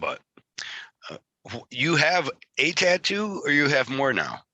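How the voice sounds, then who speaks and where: A man's voice: fairly high pitch, wildly swooping pitch, measured pace, bright, forceful tone, breathy edge, no echo. A man with a Michigan Great Lakes accent hosting a casual interview in a rambling, self-deprecating way. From Michigan, United States. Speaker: interview host.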